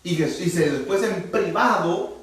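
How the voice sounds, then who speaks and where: A man's voice: high-pitched, expressive, a little slow. A man preaching a sermon as pastor, animatedly acting out Bible dialogue. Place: church hall. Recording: echoey church hall, distant mic.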